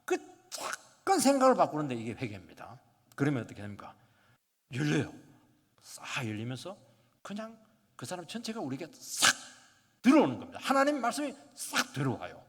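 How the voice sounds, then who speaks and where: A Korean pastor preaching a sermon in church, swinging from shouted lines to near whispers and acting out the voices of church members. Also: male voice, fairly high pitch, wildly swooping pitch, a little fast, pauses often. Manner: dramatic swings from shouting to whispering, acts out congregants' quotes. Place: church sanctuary. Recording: long hall reverb.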